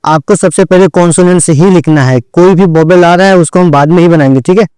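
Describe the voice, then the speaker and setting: A man's voice: sits high, fast talker, darkish tone, clear, resonant tone, dry recording, rough recording. A man teaching an online shorthand lesson, explaining each step and repeating "theek hai" after every point as he addresses his students directly. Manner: drills points over and over.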